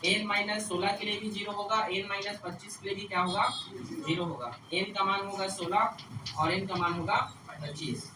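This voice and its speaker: A man's voice: high voice, fairly even intonation, normal speed, recorded from a distance. Man teaching math to a class, stern and questioning, recorded from across an echoey room with traffic noise behind. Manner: scolds and lectures students; checks understanding with repeated questions.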